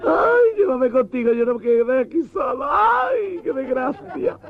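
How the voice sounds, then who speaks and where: A man voicing a melodramatic, camp mourner who wails in a shrill falsetto over his dead partner, recorded on a tinny cassette with audience laughter. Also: big pitch swings, unhurried, creaky, heavily acted. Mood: wailing.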